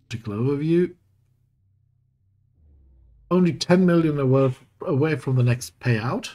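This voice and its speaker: A man with a German accent and a very deep, soothing voice, rambling through casual commentary on his game and correcting himself as he goes. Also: unhurried, warm tone. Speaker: let's play host. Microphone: desk mic with equalizer.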